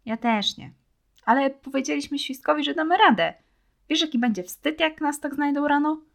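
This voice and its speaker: A woman reading a storybook and voicing a frightened, stubborn young boy who pleads and shouts in anger. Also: sits high, lively intonation, moderate pace, gravelly, voice pushed up. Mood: glum.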